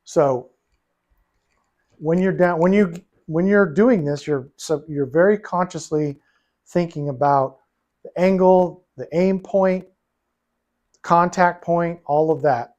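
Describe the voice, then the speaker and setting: During a one-on-one session at the pool table, a billiards coach explains things patiently and repeats himself. His voice is a little high and somewhat mellow, and he goes slowly with long pauses, though the recording sounds muffled.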